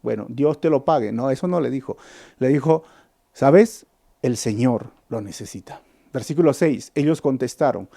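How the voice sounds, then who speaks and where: A man's voice: medium pitch, creaky, warm tone. A man with a Peruvian Spanish accent, teaching a Bible study sermon as pastor, acting out the quoted lines and putting questions to his listeners. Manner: dramatizes quotes, asks the audience questions.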